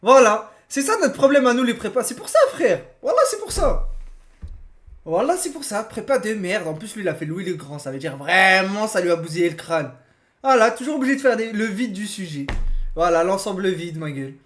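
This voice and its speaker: A man's voice: high voice, sing-song, fairly quick, fairly bright tone. A young man, chatting casually in slang and laughing while he reacts to a video on a live stream. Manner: slangy, laughing, repeats himself.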